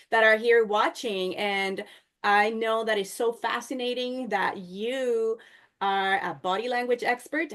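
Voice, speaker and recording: A woman's voice: fairly high pitch, fairly bright tone. A woman hosting a live online event over a video call, welcoming viewers and handing the floor to her guest. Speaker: host.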